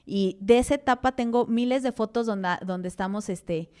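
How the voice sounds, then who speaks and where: Mexican woman telling animated stories. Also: fairly high pitch, normal speed, smooth. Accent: Mexican Spanish. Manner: animated storyteller, acting out dialogue, frequent fillers. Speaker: podcast guest, mother. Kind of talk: interview conversation.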